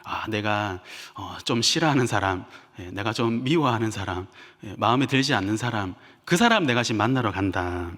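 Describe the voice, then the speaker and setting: A man's voice: fairly low pitch, animated, normal speed, a bit bright. A male pastor preaching a sermon, who acts out little everyday scenes and makes playful sound effects. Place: church sanctuary. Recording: church hall reverb.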